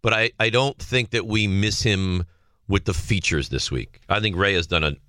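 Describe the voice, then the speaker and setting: An American man hosting a sports radio show, bantering casually and telling stories in an animated way. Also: on the low side, normal speed, no echo, clean studio sound.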